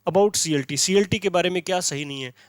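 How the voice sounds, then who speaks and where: A man with an Indian accent teaching an exam-prep lesson, repeating key words as questions and answering them himself, and reading English quiz text slowly. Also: sits high, clear, resonant tone, dry recording, studio quality. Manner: switches into slow, deliberate English when reading questions.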